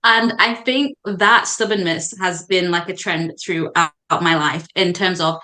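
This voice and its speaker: Young woman from Zambia, podcast guest; lowish pitch, earnest, reflective, filler-heavy chat. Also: a little slow, bright, forceful tone. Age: young adult. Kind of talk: casual podcast conversation.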